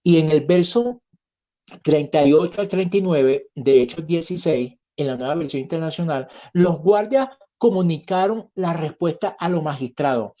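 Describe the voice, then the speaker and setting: A man's voice: a little high, moderate pace, dark tone. A man with a Colombian accent, a pastor giving an earnest sermon and telling a personal story as he preaches. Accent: Colombian Spanish. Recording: muffled lo-fi sermon recording.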